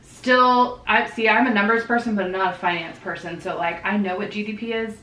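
A woman's voice: medium pitch, a little fast, fairly bright tone. A woman co-hosting a podcast, explaining statistics terms in casual chat with frequent fillers and easy laughs. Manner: chatty, laughs easily, many fillers. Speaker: podcast co-host. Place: living room with dog present. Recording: roomy echo, distant mic, faint background.

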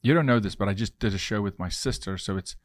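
A South African podcast host in his forties from Johannesburg interviews a guest in a casual, conversational way, restarting often. He has a lowish voice and talks fast. The recording has no echo.

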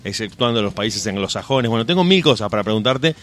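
A man's voice: on the low side, lively intonation, fast talker, fairly bright tone. A man hosting a radio show, speaking in long, flowing, friendly sentences as he wraps up an interview. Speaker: radio host.

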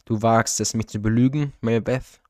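A man reading the part of a cold, suspicious lord in a storybook audiobook, with a quietly threatening delivery. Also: on the low side, moderate pace, no echo, clean studio sound, natural voice.

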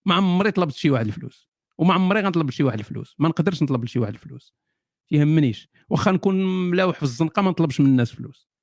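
A rapid-fire Moroccan man answers viewer questions in a loose, joking live Q&A, often breaking into laughter. His voice sits a touch high and sounds close and dry, with no room echo. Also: lively intonation. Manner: jokey, laughs often, sardonic asides. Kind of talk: casual live Q&A.

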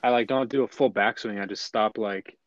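A man's voice: fairly low pitch, steady tone, a little fast, no room sound, lo-fi sound. A man co-hosting a podcast in casual chat, often stumbling and repeating words as he starts a sentence. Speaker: podcast co-host.

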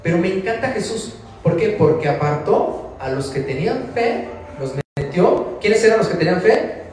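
Mexican guy preaching, high voice, super echoey hall, mic kinda far off. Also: animated, moderate pace, a little mellow. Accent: Mexican Spanish. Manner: conversational, asks the congregation questions. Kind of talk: informal sermon. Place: church hall.

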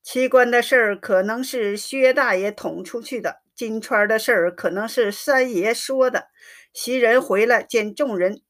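A woman narrating a classic novel in a slow, measured storytelling reading. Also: a little high, a bit bright.

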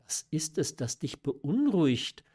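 A man's voice: fairly high pitch, sing-song, unhurried, warm tone, slightly rough, full character voice. A man reading aloud who voices a stern, reproachful aristocratic mother in a classic story. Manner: reproachful, agitated. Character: stern aristocratic mother, middle-aged woman. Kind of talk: audiobook reading of a classic novella.

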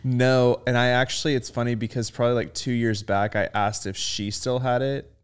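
A man's voice: medium pitch, flat delivery, moderate pace, clean tone. A young man co-hosts a podcast in casual chat, easygoing and given to dry jokes. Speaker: podcast co-host.

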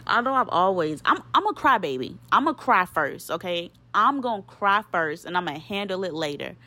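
A young woman in her twenties talks alone on her podcast, open and emotional, with slangy, looping phrasing. Her voice sits on the low side for a woman. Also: very animated, normal speed, pushed and bright. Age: 20s. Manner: candid and emotional, repeats phrases, heavy slang. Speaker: podcast host. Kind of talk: solo podcast monologue, casual venting.

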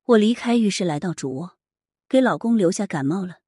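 Husky-voiced woman narrating a story. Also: medium pitch, expressive, fairly quick, warm tone, no echo, studio quality. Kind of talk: first-person story narration.

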